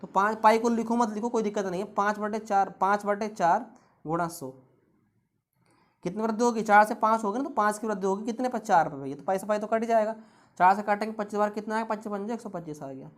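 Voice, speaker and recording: A woman teaching an exam-prep math lesson, asking rhetorical questions at every step as she works the problems through. she speaks at an ordinary pitch, patient and methodical. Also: fast talker. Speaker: math tutor.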